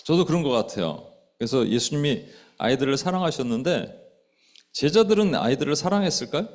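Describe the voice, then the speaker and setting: In a church sanctuary, a pastor delivers a sermon at a fairly quick pace with lively, animated pitch. He speaks conversationally, asking the congregation questions, and acts out quoted speech with sudden loud outbursts.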